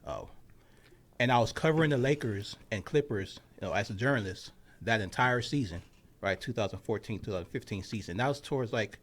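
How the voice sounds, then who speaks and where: A young man, a sports journalist, tells a story in casual podcast chat, animated and full of fillers, dropping low when he quotes his own thoughts. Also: fairly quick. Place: outdoors on college grounds.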